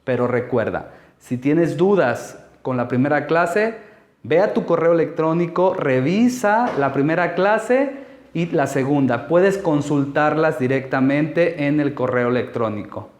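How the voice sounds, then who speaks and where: A man teaching a language lesson, explaining rules slowly and patiently, step by step. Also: fairly high pitch, animated, darkish tone, roomy sound.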